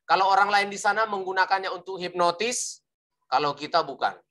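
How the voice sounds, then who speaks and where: A man's voice: high voice, fairly quick, fairly bright tone. A man teaching how to preach, speaking emphatically and demonstrating rising and falling intonation with playful teasing asides. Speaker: preaching instructor. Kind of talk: teaching lesson on sermon delivery.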